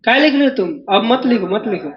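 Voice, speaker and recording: Man, maths teacher, very high voice, keeps prodding the class to answer, dull lo-fi classroom recording. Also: animated, fast talker. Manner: drills students, asking them again and again to answer aloud. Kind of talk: classroom lecture.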